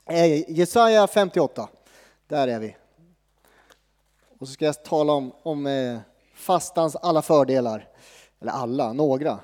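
A man preaches in a loose, joking way, often pausing mid-thought. His voice sits fairly high but sounds warm and mellow, with a long reverb that fills a church. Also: animated. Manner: casual, joking, with many pauses and fillers. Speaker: pastor. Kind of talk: sermon.

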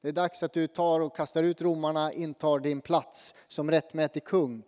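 A man's voice: a little high, level tone, darkish tone, in a large hall. A man preaching a sermon and praying, earnest and conversational, with fillers and restarts. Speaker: pastor. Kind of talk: sermon with prayer.

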